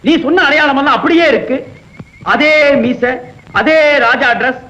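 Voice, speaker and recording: An actor playing a sly, smooth-talking young man with a suave, teasing manner. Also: very high-pitched, moderate pace, sharp tone. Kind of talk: 1970s film acting. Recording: dull lo-fi old film soundtrack.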